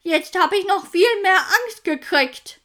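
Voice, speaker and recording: Female reader doing a worried Viking boy: earnest, high, bright. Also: expressive, slow pace, exaggerated voice. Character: anxious clever Viking boy.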